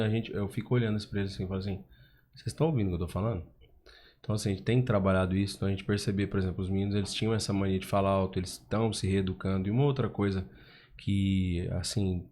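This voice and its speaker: A man's voice: on the low side, warm tone, slight background noise. A man talking casually as a podcast guest, with restarts and fillers.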